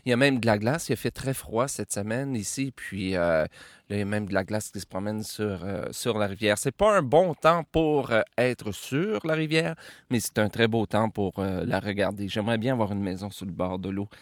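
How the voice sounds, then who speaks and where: A man from Quebec with a Québécois French accent, hosting a music podcast in a relaxed, rambling way, with many filler pauses. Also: lowish voice, no echo, clean studio sound. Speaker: podcast host. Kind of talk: casual radio-style show introduction. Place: outdoors by a river.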